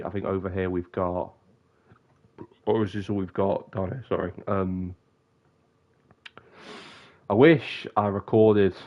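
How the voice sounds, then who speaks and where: Casually rambling on a live stream, a young man speaks in a low voice that sounds bunged-up and sniffly, with the high frequencies cut off. He keeps interrupting himself before finishing sentences.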